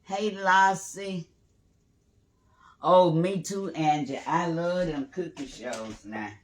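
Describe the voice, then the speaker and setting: A man's voice: a little high, slow pace, a little hiss or hum. A man hosting a casual live cooking stream from his home kitchen, chatting and greeting viewers by name as he cooks. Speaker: home cooking livestream host.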